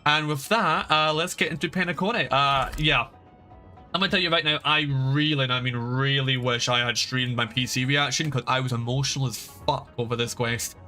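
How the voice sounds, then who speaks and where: A game streamer gives casual livestream commentary in a rambling, informal, emphatic way, with game music in the background. His voice is mid-range, brisk, and sharp-toned.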